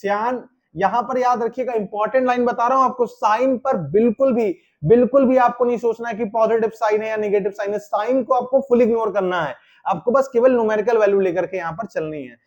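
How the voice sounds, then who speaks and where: High-voiced man teaching chemistry. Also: fairly quick, darkish tone, lo-fi sound. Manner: explains step by step, asks and answers his own questions. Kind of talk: classroom lecture.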